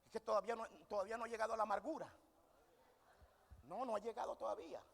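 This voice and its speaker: A man's voice: high-pitched, fast talker, creaky. A man preaching a sermon in a church hall. He poses questions to the congregation and answers them himself. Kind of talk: sermon with audience call-and-response. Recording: long hall reverb.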